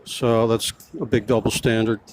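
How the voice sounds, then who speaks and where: A U.S. man with a lowish voice that barely changes pitch plays a self-styled street reporter, filming himself outdoors for a confrontational vlog. At a moderate pace, he badgers people and repeats his questions.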